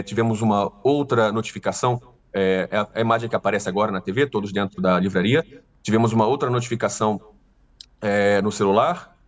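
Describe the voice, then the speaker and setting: Hesitant carioca man on a distant line. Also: fairly low pitch. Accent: Carioca Brazilian Portuguese. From Rio de Janeiro, Brazil. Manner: hesitant, many filler "é" pauses. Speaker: tour guide interviewee. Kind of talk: remote news interview.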